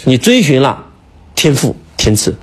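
A man's voice: medium pitch, sing-song, a little slow, husky. A man lecturing in a casual chat, emphatic and full of rhetorical questions, talking to his listener like a teacher. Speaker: speaker, teacher.

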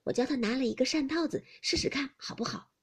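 A woman voicing a gentle, tactful young maid who coaxes and explains softly. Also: high voice, fast, husky, voice pushed up. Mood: coaxing.

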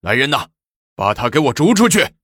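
A man's voice: medium pitch, sing-song, a little fast, fairly bright tone, dry recording, clean studio sound, pitched above the performer's own voice. A man voicing a stern, imperious senior minister who scolds and berates in a storytelling performance. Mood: furious.

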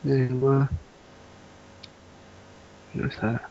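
A woman's voice: rumbling low, flat delivery, extremely slow, mellow, muffled recording. A woman student in a pronunciation lesson, giving short, hesitant answers.

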